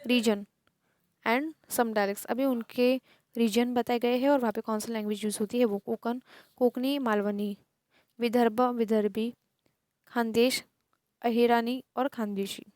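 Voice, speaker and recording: An Indian woman teacher going through a textbook chapter, slowly reading English lines and explaining them in Hindi. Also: fairly high pitch, steady tone, darkish tone, no echo, clean studio sound.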